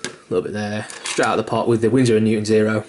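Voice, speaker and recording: A man's voice: on the low side, little pitch movement, rapid-fire, darkish tone, a little hiss or hum. A young man giving a casual miniature painting tutorial, rambling a little, with fillers, restarts and the odd swear word. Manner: mildly self-deprecating and sweary. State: hiccuping.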